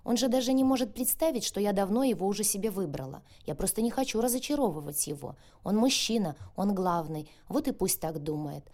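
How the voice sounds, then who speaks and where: A woman reading an audiobook, voicing a lively, chatty young woman friend who talks in a bubbly, coaxing way. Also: medium pitch, brisk, hardly any pauses, pitched above the performer's own voice, close to an everyday voice. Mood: playful. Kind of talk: audiobook character voice.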